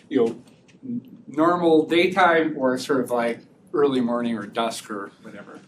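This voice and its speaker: A man giving an academic research talk and taking audience questions, chatty and relaxed, laughing easily and often restarting sentences. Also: mid-range voice. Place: lecture room. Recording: distant mic with faint room noise.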